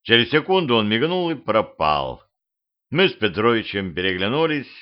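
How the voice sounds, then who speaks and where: A man's voice: on the low side, very animated, normal speed. A man narrating a humorous audiobook in a wry storytelling manner. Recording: dull lo-fi home recording.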